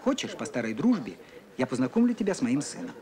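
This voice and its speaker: An actor playing a courteous, eccentric elderly gentleman in a children's sci-fi film, formal and theatrically polite. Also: medium pitch, very animated, quick pace, close to an everyday voice. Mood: courtly.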